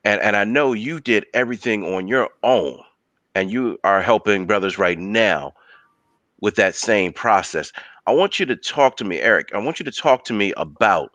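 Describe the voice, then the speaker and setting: Deep bright-voiced male host. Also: lively intonation, normal speed, no echo, lo-fi sound. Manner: encouraging, calls guests brother. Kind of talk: panel moderation.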